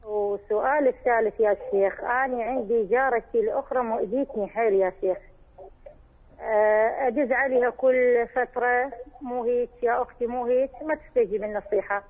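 A woman's voice: on the high side, fast, slightly rough. A woman calling in to ask a religious scholar questions, speaking earnestly and pleading, often addressing him as sheikh. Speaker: caller. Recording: tinny phone line.

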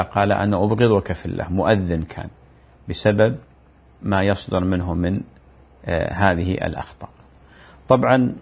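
A man lecturing on religion in a low, gravelly voice with a husky edge. He explains each point slowly and repeats himself for emphasis. Now and then he chants short examples himself. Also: a little mellow. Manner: explains errors in the call to prayer and chants examples of them; drawn-out, repetitive teaching delivery. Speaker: Islamic teacher.

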